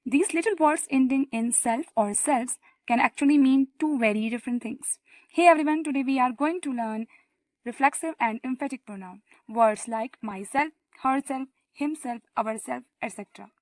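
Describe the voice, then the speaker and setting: A woman's voice: high-pitched, moderate pace, no room sound. A young woman with an Indian English accent teaching a grammar lesson, explaining step by step and often saying "okay" between points. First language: Hindi.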